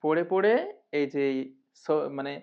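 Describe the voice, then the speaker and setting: A man's voice: on the high side, a little slow, vocal fry, smooth. A man teaching a Quran recitation lesson, drilling the rules in rhythmic chanted refrains and addressing viewers as dear brothers. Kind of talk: recorded online tajweed lesson. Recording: muffled lo-fi recording.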